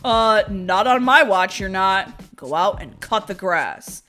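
A woman's voice: mid-range voice, lively intonation, takes it slowly, a bit bright, faint music behind, pitched below the performer's own voice. Woman voicing a stern, bossy game mom. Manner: stern, commanding. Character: bossy strict mother in a game story. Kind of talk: game role-play voice acting.

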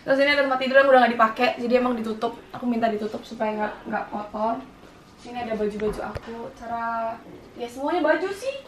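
Moving from room to room indoors, a high-voiced young woman gives a loose, playful house-tour vlog at a fast clip. Her informal chatter is caught by a camera mic held some way off. The recording carries room echo and plenty of noise.

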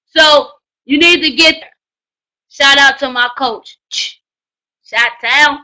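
A woman teaching a writing class, coaching loudly and repetitively in slangy, preacher-like exhortation. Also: sits high, takes it slowly, poor audio. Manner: loud, hollering, preacher-like exhortation. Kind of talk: live online class on book promotion.

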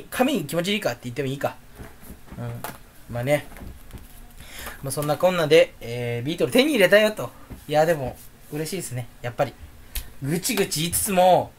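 Animated fast-talking rambling man. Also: fairly high pitch, a little hiss or hum. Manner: rambling, jokey, talks to himself. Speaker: video creator. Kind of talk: casual unboxing chat to camera.

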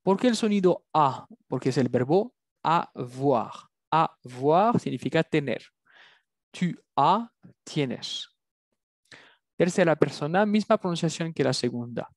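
A man teaching a language lesson, drilling words slowly and patiently. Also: a little high, lively intonation, dry recording, clean studio sound. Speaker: French teacher.

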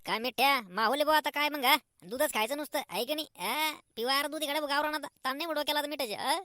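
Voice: sits high, fast, sharp tone, no echo, clean studio sound. An actor voicing a nosy, teasing village neighbor in a cartoon comedy. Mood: gossiping.

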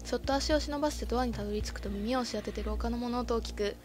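A woman's voice: fairly high pitch, quick pace, a little mellow, slight background noise. A woman streaming a game playthrough, reading the story text aloud and breaking in with short startled reactions. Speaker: let's-play streamer.

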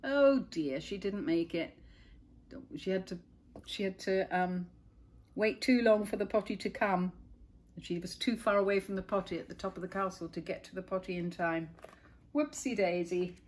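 A middle-aged woman reading a children's picture book aloud and chatting about the pictures between pages. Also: fairly low pitch. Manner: gentle, chatty, pauses to point out pictures.

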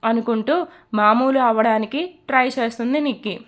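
A woman narrating a romantic story in a steady, expressive reading voice. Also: a little high, moderate pace.

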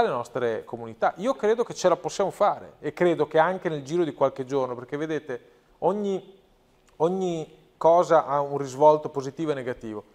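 A man talks in a TV studio. He is earnest and pushes his points hard, with frequent restarts and repeated words. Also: a little high. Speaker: provincial president, guest. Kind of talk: talk show interview.

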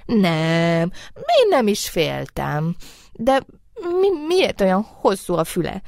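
A timid young bunny stammers through chattering teeth in a high, trembling storybook voice, as a woman acts it out. The studio sound is dry and close. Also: very animated, a little mellow, no room sound. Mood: frightened. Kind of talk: storybook reading. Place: recording studio.

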